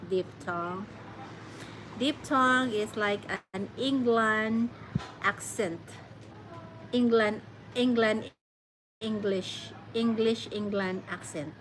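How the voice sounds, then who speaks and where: A woman chatting casually as a vlogger, halting and often repeating words and restarting phrases. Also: a little high. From Philippines. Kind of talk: casual chat. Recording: clear background noise.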